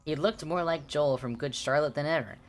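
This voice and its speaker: A woman's voice: sits low, a little fast, a little hiss or hum. A woman streamer reading a fan fiction aloud and breaking off for sardonic, giggly, mocking asides.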